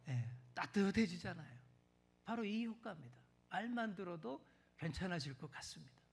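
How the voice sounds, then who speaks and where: A man with a high voice preaches a sermon as senior pastor. He speaks straight to the congregation and asks them questions. He drops to a whisper one moment and stresses words loudly the next. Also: normal speed, vocal fry, husky. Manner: expressive preaching, swings from loud stresses to hushed whispers.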